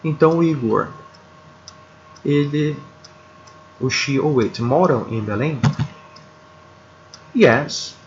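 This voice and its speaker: A man with a Brazilian Portuguese accent teaching an English grammar lesson, slow and deliberate, often repeating words and checking in with his students. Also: on the high side, highs cut off, a little hiss or hum. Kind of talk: video lesson explaining grammar.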